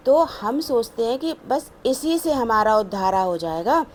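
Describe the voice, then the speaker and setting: Woman preaching at a satsang, slow and repetitive, higher voice, faint hiss behind. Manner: measured and repetitive, explaining stories slowly. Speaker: satsang speaker. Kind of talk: devotional sermon.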